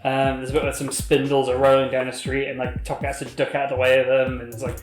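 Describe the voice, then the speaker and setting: A man's voice: mid-range voice, completely flat delivery, fast. A man in casual chat with his brother about a film, laid-back and amused. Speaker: host's brother, guest. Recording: echoey room with music underneath. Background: music.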